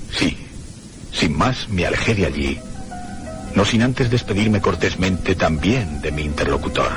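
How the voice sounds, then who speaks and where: In radio mystery acting with first-person narration, a troubled, inquisitive gentleman staying at a hotel recounts a ghostly mystery. His low, animated voice is formal, brooding, and dramatic.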